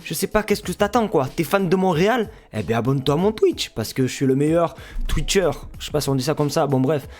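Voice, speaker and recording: Chatty French man, higher voice. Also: lively intonation, brisk, a little mellow, faint music behind. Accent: French (France). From France. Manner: jokey, chatty, addresses viewers as friends. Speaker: football fan YouTuber and Twitch streamer. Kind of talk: casual pre-match football analysis vlog.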